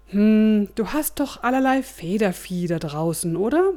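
A woman voicing a wise old male rabbi who gives advice in a musing way, with a drawn-out "hm". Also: medium pitch, lively intonation, dark tone, pitched above the performer's own voice, lightly acted. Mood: calm advising.

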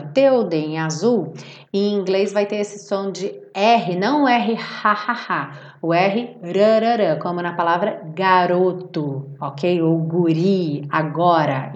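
A Brazilian woman teaching English in a live online lesson, patiently explaining and slowly repeating words to model pronunciation. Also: medium pitch. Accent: Brazilian Portuguese. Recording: roomy echo.

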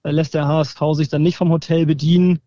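A man's voice: fairly high pitch, level tone, fast talker, mellow, no room sound. A man calling in over the phone, giving a chatty live report from a training camp with plenty of fillers. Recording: dull, dry phone line.

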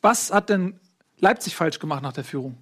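A male host with a high voice leads a casual football chat. He jokes and needles the others as he steers the conversation. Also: expressive, moderate pace, a bit bright. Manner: teasing, joking.

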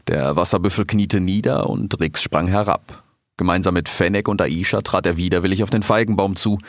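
A man narrating an animal adventure audiobook as an expressive storyteller. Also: low voice, dry recording, clean studio sound.

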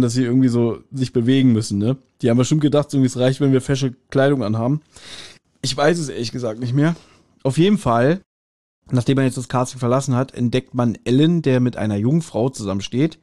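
A man's voice: mid-range voice, fast talker, mellow. A man co-hosting a podcast, casually retelling and discussing an audio drama episode, often laughing. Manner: chatty, retells the plot with frequent laughs. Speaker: podcast co-host.

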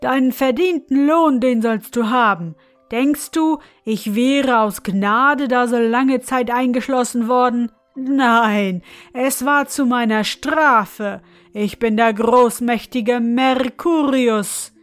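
A woman voicing a huge, proud male spirit from a bottle, who talks in a loud, haughty way. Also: takes it slowly, soft background music. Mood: menacing. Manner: booming and haughty, later pleading.

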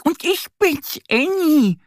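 A man's voice: lively intonation, takes it slowly, no room sound, studio quality, full character voice. A man voicing a cheerful little female duck in a children's story. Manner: squeaky, delighted.

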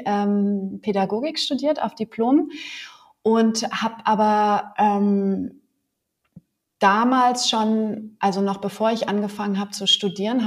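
A chatty woman in her forties, a yoga teacher talking as a podcast guest. She talks at a medium pitch, with lots of fillers and little laughs. Her telling is easygoing and full of small restarts. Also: a little mellow. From Berlin, Germany. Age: 40s. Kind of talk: casual interview chat.

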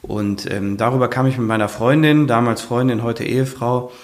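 A man's voice: medium pitch, fairly even intonation, moderate pace. A man in his fifties, a firefighter and author, telling his story in a casual interview, earnest and rambling with many fillers and restarts.

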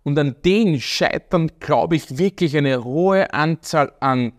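A man's voice: on the high side, slow pace. A man interviewing a guest, talking in long emphatic ramblings with frequent restarts. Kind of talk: casual interview talk.

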